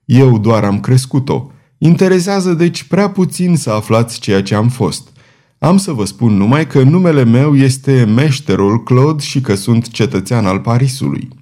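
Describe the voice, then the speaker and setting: A man reading an audiobook, voicing an older, burly executioner who speaks slowly and solemnly. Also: mid-range voice, animated, dark tone, natural voice.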